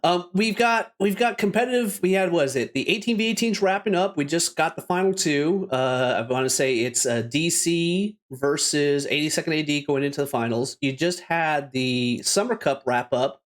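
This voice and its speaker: A man's voice: on the high side, normal speed, few pauses. A man from Canada hosting a casual gaming podcast, upbeat and laughing often, with loose restarts. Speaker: podcast host.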